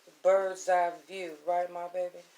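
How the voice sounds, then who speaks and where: A woman's voice: on the low side, completely flat delivery, a little slow, mellow, a little hiss or hum. A woman giving an intimate, soothing spiritual reading in a casual way, affectionately addressing the listener with pet names. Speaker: tarot reader and spiritual host.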